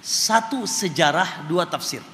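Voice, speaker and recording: A man's voice: on the high side, animated, takes it slowly, sharp tone. A man giving a Quran study lecture, speaking to his audience as Pak and chanting recitation examples. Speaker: religious teacher. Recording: hall reverb, faint noise.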